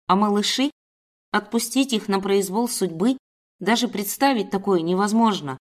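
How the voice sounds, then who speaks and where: A woman reading a first-person story aloud in steady storybook narration. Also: medium pitch, normal speed.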